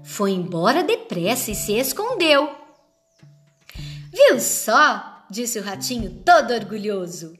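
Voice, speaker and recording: A woman reading a rhyming children's storybook aloud, slowly and expressively. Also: medium pitch, faint music behind. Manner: slow, expressive rhyming narration.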